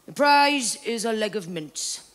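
A woman's voice: fairly high pitch, expressive, measured pace, a bit bright. A woman on stage playing a bossy, dry club official in a comedy. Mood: officious. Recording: live theatre stage performance.

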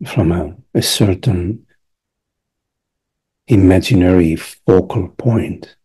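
A male meditation teacher with a low-sitting voice leads a guided session, sounding very breathy and husky with a dark, relaxed tone. Each short, hushed phrase comes very slowly and gently, followed by a long pause.

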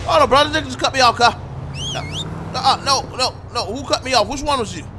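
A man giving loud, joking commentary while playing a crime game, talking back to the characters on screen. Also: very high voice, a little fast, some chatter behind, a little hiss or hum. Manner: loud, excitable, talks to the screen. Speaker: gameplay streamer. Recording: loud game sound behind.

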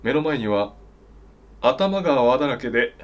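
A man's voice: mid-range voice, big pitch swings, normal speed. Straight-faced young male newscaster. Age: young adult. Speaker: comedy newscaster. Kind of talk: formal scripted news reading.

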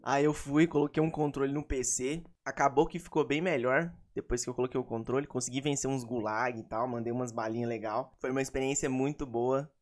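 Jovem goiano contando partida, cheio de gíria. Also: male voice, mid-range voice, fairly quick, few pauses. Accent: Goiás Brazilian Portuguese. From Goiás, Brazil. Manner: slangy, laughing, animated retelling. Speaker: gaming YouTuber. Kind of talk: casual vlog storytelling.

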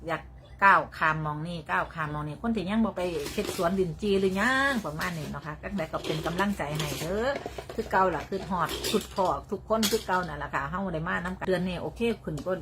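A woman's voice: on the low side, quick pace. An older woman with a Northeastern Thai Isan accent chats through a casual phone livestream. She rambles, circles back and repeats her words, breaking into laughter. A faint background hum sits under her voice. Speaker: livestream host.

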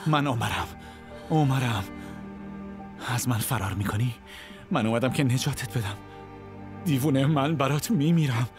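A man dubbing a desperate, obsessive young man in a TV drama, shouting commands and then pleading softly. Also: medium pitch, long pauses, close to an everyday voice. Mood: pleading tender. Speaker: dubbed series character. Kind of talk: dubbed TV drama acting. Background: dramatic music score.

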